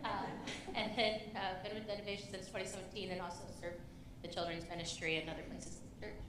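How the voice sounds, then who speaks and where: A woman's voice: mid-range voice, flat delivery, fast talker, background noise. A woman in her thirties shares her story on a church panel, reflective and laughing lightly now and then. Her voice sits in the middle of the range. The room is echoey, with a faint murmur behind her.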